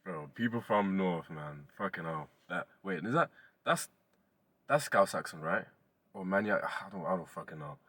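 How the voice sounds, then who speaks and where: Young male reaction host, low voice, dry close sound, loose and chatty. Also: moderate pace, breathy edge, no echo. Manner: relaxed, chatty, swears casually. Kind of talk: casual reaction commentary.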